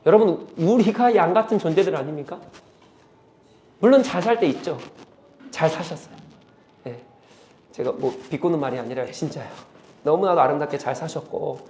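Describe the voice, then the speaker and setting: A male pastor preaching a sermon, moving between quiet, earnest stretches and loud, impassioned climaxes. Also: on the high side, normal speed, pauses often.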